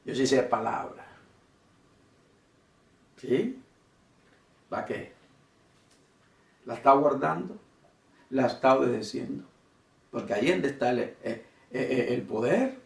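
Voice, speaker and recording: A man preaching a sermon and addressing the congregation as brothers and sisters, swinging between emphatic, rising swells and quiet drops. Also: mid-range voice, animated, slow, vocal fry, pauses often, echoey room, recorded from a distance. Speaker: pastor.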